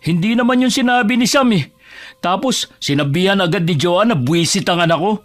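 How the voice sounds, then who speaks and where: A man's voice: high voice, expressive, fairly quick, a bit bright. An actor playing a defensive young father arguing with his sister-in-law and mother in a horror audio drama. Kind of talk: Filipino radio-style horror drama acting.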